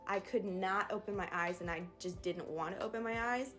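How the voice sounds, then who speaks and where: A woman's voice: mid-range voice, normal speed, faint music behind. A young woman vlogger candidly retelling a birth story in a casual storytime. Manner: candid, animated retelling with acted quotes.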